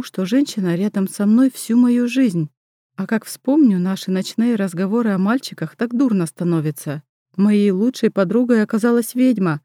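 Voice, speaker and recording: A woman reading a first-person story in an even, measured way. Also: medium pitch, dry recording, studio quality. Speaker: audiobook narrator. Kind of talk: scripted first-person narration.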